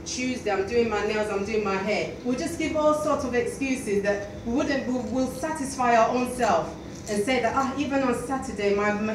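Young woman giving a sermon at the church mic, lots of ums and restarts, roomy echo, heard from far back. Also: a little high. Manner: conversational, halting with many fillers. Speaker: preacher. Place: small church hall. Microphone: stand mic at a lectern, filmed by a far camera. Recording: echoey hall from far off, noisy.

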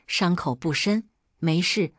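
A woman's voice: lowish voice, slow pace, breathy edge, no echo, clean studio sound. A woman voicing a teasing young man who is doting and smug, speaking in a playful, coaxing way.

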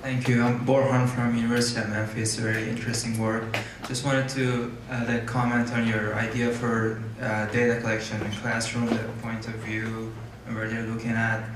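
A man's voice: medium pitch, monotone, normal speed, hardly any pauses. A man in the audience asking a hesitant question from the floor of a lecture hall. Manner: hesitant, many fillers. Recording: echoey hall, far from the mic, noisy.

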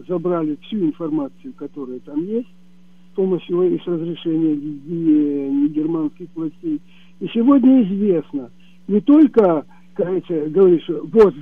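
A man calling into a radio show by phone, talking haltingly with filler sounds and sudden bursts of emphasis. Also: high voice, no room sound. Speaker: caller. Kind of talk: call-in radio comment. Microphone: telephone. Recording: tinny phone line.

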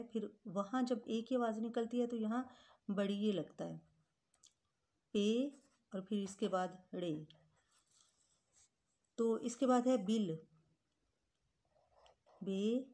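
A woman teacher walks young pupils through spelling and plurals. She talks slowly and patiently, spelling each word letter by letter. Her voice is soft and mellow. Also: mid-range voice. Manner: addresses pupils as children. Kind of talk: grade-school Urdu grammar lesson.

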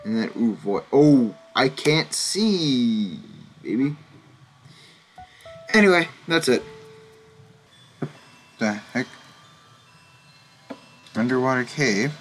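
A young man giving casual, rambling gameplay commentary, full of fillers and sudden excited outbursts. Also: mid-range voice, very slow, long pauses. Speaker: gaming channel host. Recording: faint music behind.

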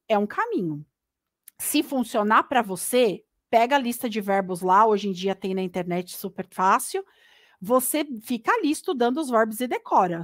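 A woman with a Brazilian accent giving a live online English lesson, chatty and lively, mixing English words into her Portuguese. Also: fairly high pitch, no room sound, clean studio sound. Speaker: English teacher. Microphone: computer mic on a live stream.

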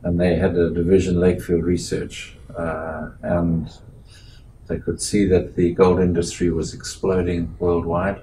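Older guy from zimbabwe, pretty monotone, lots of uhs and restarts, faint room hum. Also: sits low. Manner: measured, halting with frequent uh and restarts. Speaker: interviewee, metallurgist. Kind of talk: oral history interview. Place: small office meeting room indoors.

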